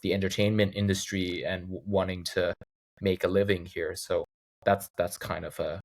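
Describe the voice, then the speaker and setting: A man's voice: moderate pace, vocal fry. A man in his thirties from Thailand, a guest chatting casually in an interview and acting out examples as he talks. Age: 30s. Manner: animated storyteller, acts out quoted lines in a higher voice. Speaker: guest, video game composer.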